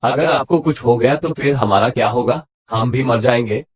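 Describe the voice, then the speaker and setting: A man's voice: medium pitch, normal speed, breathy edge, close to an everyday voice. A man voicing a tender young bride who sulks and sobs out complaints to her husband in an audiobook romance. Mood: tearful. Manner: pouting, sobbing complaints. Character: tender young woman, sulky, tearful new bride.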